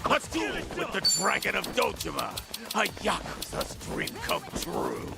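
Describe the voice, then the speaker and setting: A man playing a menacing, thrill-hungry middle-aged yakuza villain in a video game, with a gravelly, taunting drawl. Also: sits high, huge pitch swings, moderate pace, over loud music, heavily acted. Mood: wild excitement. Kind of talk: dramatic video game acting.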